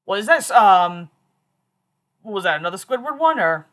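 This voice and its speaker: A livestream host with a medium-pitched, fairly bright voice chats casually at a moderate pace. Her delivery is sing-song, and she laughs often.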